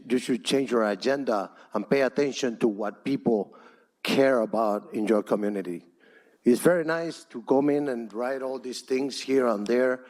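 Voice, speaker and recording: A man's voice: mid-range voice, a little mellow. A Spanish-speaking man from Cuba with a Cuban Spanish accent gives an impassioned, pleading public comment at a city council meeting, repeating his points. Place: council chamber.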